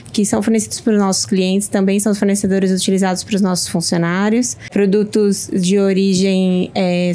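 A woman's voice: mid-range voice, mellow. A woman who works as a restaurant nutritionist, methodically listing her duties in the office. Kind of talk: casual explanation to camera.

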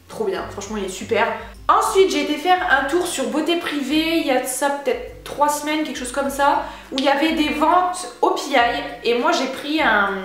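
A woman's voice: high-pitched, very echoey. A young woman chatting casually through a beauty haul vlog, slangy and enthusiastic. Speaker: beauty vlogger.

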